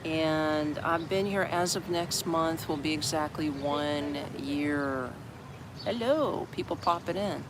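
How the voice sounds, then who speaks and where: This American man from Orlando, Florida, an expat livestreamer, rambles casually to viewers from steps in a busy city park and greets each new arrival. He talks at a slow pace in a high-ish voice, with traffic and street noise in the background.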